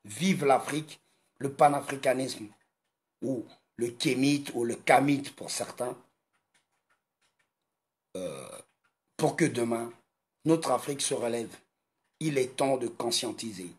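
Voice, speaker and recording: Slow, emphatic man from Congo. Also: mid-range voice. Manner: slow, emphatic, repetitive delivery. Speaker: video commentator. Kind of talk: impassioned monologue.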